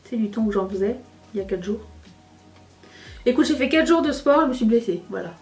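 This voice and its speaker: A woman's voice: a little high, lively intonation, fairly quick, darkish tone, distant mic, soft background music. A woman chatting casually while doing her makeup, rambling and self-mocking. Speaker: beauty youtuber. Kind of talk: casual get-ready-with-me chat.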